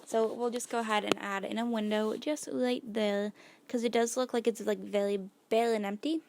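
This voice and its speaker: A woman's voice: fairly high pitch, steady tone, moderate pace, gravelly, background noise. A woman losing her voice, casually narrating a build video as host and thinking aloud as she works, with many "like"s and "gonna go ahead"s. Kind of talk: casual gameplay voice-over.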